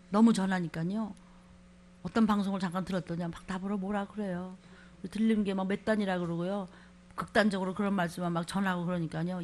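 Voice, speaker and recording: A woman pastor preaching a fiery church sermon, scolding and shouting scripture between quiet asides. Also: medium pitch, a little hiss or hum.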